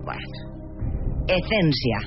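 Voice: mid-range voice, big pitch swings. A radio host, teasing and bantering while spelling words letter by letter. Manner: teasing, fast bursts of talk. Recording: slightly dull radio sound, faint music.

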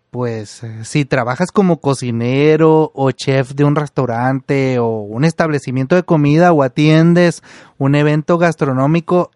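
Man, storytelling then casual commentary, indignant, somewhat high voice, dry close sound. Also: darkish tone, no echo.

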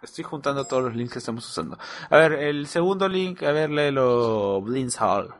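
Joking man with lively pitch. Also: normal speed. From Peru. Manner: joking, crude slang, laughs often. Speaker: podcast host. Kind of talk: casual chat.

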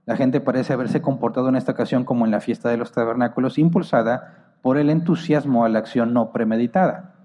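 A man's voice: mid-range voice, fairly even intonation, fairly quick, dark tone, long reverb tail, lo-fi sound. A man preaching a Bible teaching sermon who explains passages, reads commentaries aloud and asks his listeners rhetorical questions.

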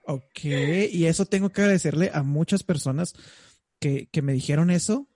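A young man with a Mexican accent, co-hosting a casual chat, telling stories in a lively way with playful voices. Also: on the high side, moderate pace, no echo. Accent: Mexican Spanish. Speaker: co-host.

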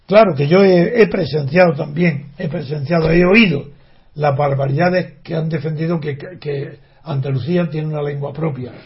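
High-voiced man ranting in a monologue, indignant rhetorical questions, dull lo-fi sound. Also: normal speed. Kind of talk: impassioned monologue. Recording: dull lo-fi recording.

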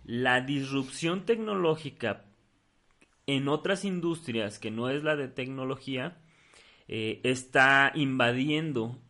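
A man co-hosts a relaxed podcast. His voice sits at an ordinary middle pitch, and he talks with many pauses, fillers and restarts as he works through his ideas. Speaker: podcast co-host. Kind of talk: casual podcast chat.

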